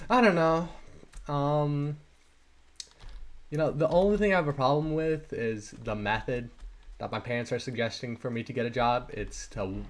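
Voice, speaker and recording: A teenage boy rambling through self-deprecating commentary while playing a game, trailing off into mumbled asides and restarts. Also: medium pitch. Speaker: gaming channel host. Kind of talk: rambling Minecraft let's-play commentary.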